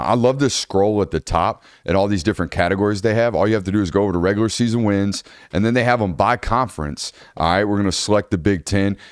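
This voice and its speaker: A man hosts a casual college football podcast, talking in a loose, rambling way and correcting himself as he goes. His voice is on the low side and smooth. The studio recording is clean, with no echo.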